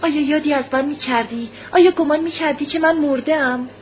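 A noble lady aching with love for her child, her voice high and breaking into tears as she pleads, as a woman reader voices her on a dull, slightly hissy audiobook recording. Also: steady tone, lightly acted. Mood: tender. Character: desperate loving mother, noble lady. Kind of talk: audiobook reading.

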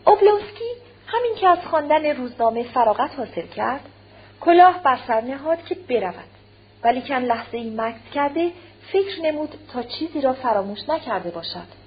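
A woman narrating an audiobook of a classic novel in a measured, formal reading, in a dull recording with a faint hum. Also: high voice, sing-song, slightly rough. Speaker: audiobook reader.

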